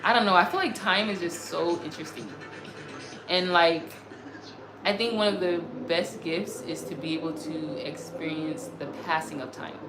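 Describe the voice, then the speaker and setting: Speaking at a moderate pace in a fairly low voice, this thirty-ish woman hosts a livestream and responds to comments with earnest enthusiasm, going over the same points again and again. Music plays in the background of an echoey, roomy recording.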